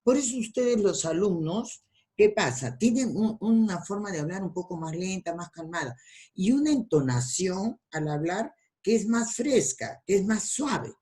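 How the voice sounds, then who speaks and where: A woman lecturing students in an online class, with a deep, low-toned voice and a teacherly way of asking questions and answering them herself. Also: lively intonation, normal speed, mellow. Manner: teacherly, asks and answers her own questions. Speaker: university lecturer.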